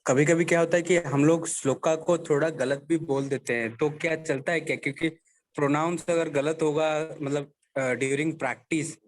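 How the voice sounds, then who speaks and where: A man asks a question in an online class over a video call, pausing and searching for his words. His voice is fairly high for a man and sounds a bit distant from the microphone. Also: steady tone. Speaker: student asking a question.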